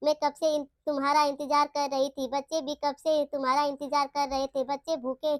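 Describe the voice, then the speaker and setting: A woman's voice: sits high, little pitch movement, moderate pace, dry recording, clean studio sound, close to an everyday voice. A woman voicing a worried village wife in a storybook tale, complaining and questioning. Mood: scolding.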